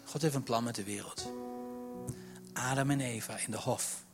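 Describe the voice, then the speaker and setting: A man preaching a sermon in an animated way, dropping to a hush and then rising to near shouts as he acts out the story's voices. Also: mid-range voice, normal speed, music in the background. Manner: animated, swings from hushed to loud, acts out voices of God and Moses.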